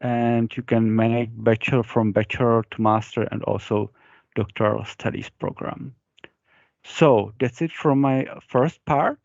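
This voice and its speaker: A young man with a native Czech accent presents informally, picking through his English with hesitant repeats. His medium-pitched voice sounds dry and slightly dull, as over an online call. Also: vocal fry, darkish tone, no room sound. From Czech Republic. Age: young adult. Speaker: presenter for a young engineers' group. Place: online video meeting.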